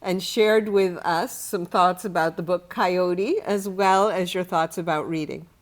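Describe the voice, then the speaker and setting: A woman hosting a children's book discussion, explaining things clearly and deliberately. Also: lowish voice, fairly even intonation. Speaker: host of a children's book show. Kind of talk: book discussion and word lesson.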